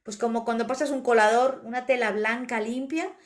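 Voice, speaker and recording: Una mujer con acento de España que conversa en un pódcast y narra anécdotas con viveza. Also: female voice, fairly high pitch, fairly quick. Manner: animated storyteller, acts out quoted voices. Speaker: podcast co-host, animal communicator. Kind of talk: casual podcast conversation.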